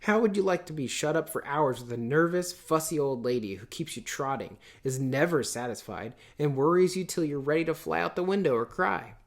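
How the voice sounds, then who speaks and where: A headstrong teenage tomboy acted out by a man reading a storybook, blunt and rebellious. The voice is lifted in pitch, with exclamatory, defiant delivery. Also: fairly quick, few pauses, lightly acted. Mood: exasperated.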